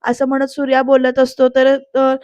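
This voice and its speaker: A woman's voice: sits high, completely flat delivery, moderate pace, a little mellow, no echo. A woman narrating a voice-over recap of a TV serial episode in a chatty way, often turning to address the viewers.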